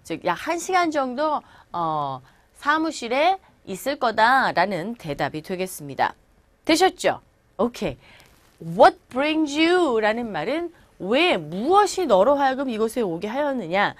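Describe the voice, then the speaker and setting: Lively Korean woman teaching English. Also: a little high, dry recording. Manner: explains in Korean, reads English examples slowly. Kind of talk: recorded language lecture.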